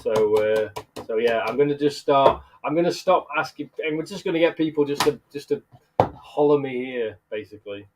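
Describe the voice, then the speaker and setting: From inside his bug room, a live streamer and bug keeper in his thirties chats loosely with viewers, laughing a lot, his voice nasal and congested from illness. He speaks at a normal speed in a mid-range voice, with background noise present.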